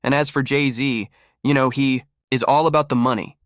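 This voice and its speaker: A man's voice: medium pitch, steady tone, moderate pace, dry recording, clean studio sound. A man delivering scripted gossip commentary as a narrator.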